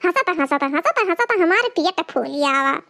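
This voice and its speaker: A woman voicing a scolding old village mother-in-law in a cartoon comedy, speaking with an Awadhi accent in a loud, nagging, complaining way. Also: very high-pitched, lively intonation, measured pace, exaggerated voice.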